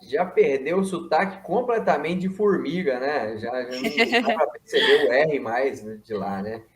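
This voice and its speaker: A man's voice: a little high, big pitch swings, moderate pace. A man hosting an interview, friendly and conversational, often adding tag questions. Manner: friendly, conversational, with many "né" tags. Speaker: interview host. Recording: echoey room.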